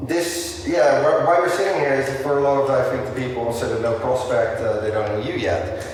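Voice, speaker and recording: A man's voice: medium pitch, steady tone, a little fast, slight background noise. A man interviewing a guest for his label, laid-back and enthusiastic, swearing casually. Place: Beirut. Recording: echoey hall, voice from far off.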